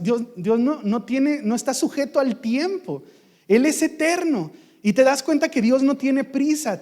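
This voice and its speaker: Emphatic pastor with a high voice. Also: male voice, a little mellow, big-room sound. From Mexico. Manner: emphatic, rhetorical questions and repetition. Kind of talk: sermon. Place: church.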